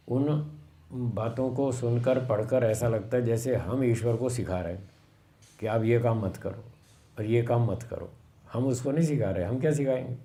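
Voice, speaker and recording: A man giving a sermon on scripture, slow and explanatory, repeating phrases for emphasis. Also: on the low side, warm tone. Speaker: swami giving a Vedic discourse.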